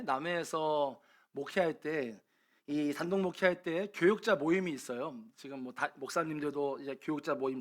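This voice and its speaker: A man's voice: fairly high pitch, a bit bright. A male pastor preaching a sermon at a church service, telling a story earnestly and building intensity at its emotional points.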